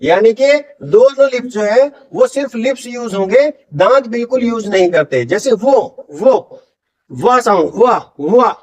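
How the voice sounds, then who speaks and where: A man teaching English pronunciation in a classroom-style lesson, drilling words by slow repetition and answering his own questions. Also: very high-pitched, lively intonation. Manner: asks questions and answers them himself.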